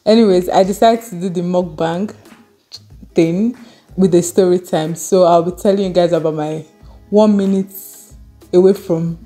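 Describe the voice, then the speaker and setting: A woman's voice: on the low side, fairly even intonation, moderate pace, long pauses, mellow, faint music behind. Woman chatting over a meal. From Nigeria. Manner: chatty, laughing, eating on camera. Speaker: vlogger. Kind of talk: casual storytelling while eating.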